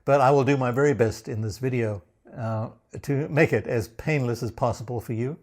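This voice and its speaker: Gravelly man, dry wit. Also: medium pitch, normal speed, a little mellow. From South Africa. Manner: dry, self-mocking humor. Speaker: program founder presenting. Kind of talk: scripted video introduction.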